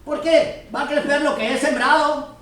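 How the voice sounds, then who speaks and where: A man, teaching the Bible to a gathered congregation. His voice sits high for a man, and he keeps stopping to check that everyone follows. He is picked up from a distance in a very echoey room. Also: steady tone, moderate pace, a bit bright. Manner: earnest teaching, checks the listeners often understand.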